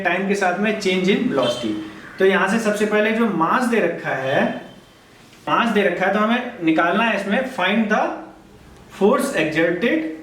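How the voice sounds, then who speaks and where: Male physics tutor, high voice, quizzes the class and answers himself, stands off-mic in an echoey room. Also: fairly bright tone, recorded from a distance. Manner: asks questions and answers them himself, repeats key steps; reads problem text slowly and word by word. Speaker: physics teacher. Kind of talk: board lesson.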